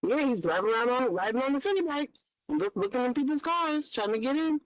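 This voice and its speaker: On a remote call-in line at a public meeting, a woman from the community keeps pressing for specifics with persistent questions. The line is muffled and dull, leaving only the bass of her voice. She speaks fairly quickly with lively intonation, and there's no echo.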